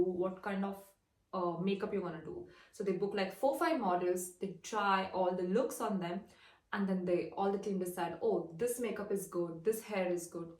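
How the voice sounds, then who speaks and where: A woman's voice: medium pitch, darkish tone. Young indian woman, 20s, chatty storytime, keeps going "i'm like", mic kinda far off. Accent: Indian English. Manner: chatty, retells dialogue with "I'm like". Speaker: fashion model. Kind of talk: casual storytime vlog. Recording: roomy, distant mic.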